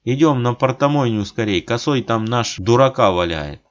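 A man voicing a hearty, boisterous father who shouts encouragement, in a dull lo-fi recording. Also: mid-range voice, expressive, normal speed, natural voice. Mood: jolly. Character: hearty father, loud, cheering on bathers.

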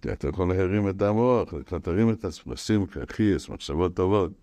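Man teaching Torah, very deep voice, animated and repetitive, dry close sound. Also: no room sound. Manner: animated, repetitive, rising to emphatic outbursts.

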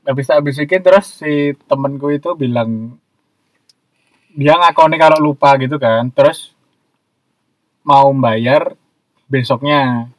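A man's voice: mid-range voice, measured pace, pauses often, dry recording, rough recording. A man casually recounting a personal story in a rambling way, full of fillers. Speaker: storyteller guest. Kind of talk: casual chat.

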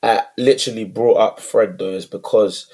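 A man's voice: lowish voice, steady tone, moderate pace, darkish tone, slightly rough. A young man with a London urban accent in casual sports discussion, slangy and making his case point by point. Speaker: football podcast co-host.

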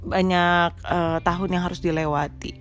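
This is a casual, teasing podcast chat aimed at mothers, laced with English and recorded in a small rented room. The host, a young woman with a congested nose, keeps a lowish voice, an even tone and a moderate pace.

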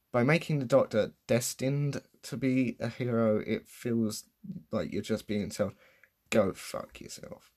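A man's voice: mid-range voice, takes it slowly, darkish tone. A young man giving casual, unscripted commentary in a sarcastic, self-mocking and profane way. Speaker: vlogger.

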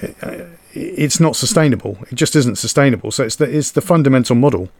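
A man's voice: mid-range voice, darkish tone, no echo. A man in casual chat who talks hesitantly and restarts often while he searches for words. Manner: hesitant, halting, many fillers and restarts.

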